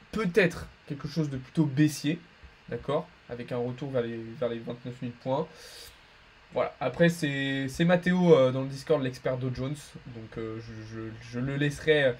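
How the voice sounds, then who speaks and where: A man with a French accent hosting a live trading stream, talking loosely with plenty of fillers and restarts as he answers the chat. His voice sits at an ordinary middle pitch. A faint hiss of background noise runs under the recording. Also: a little mellow, poor audio. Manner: chatty, many fillers and restarts, reads chat aloud. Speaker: market analyst streamer. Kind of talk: live market analysis stream.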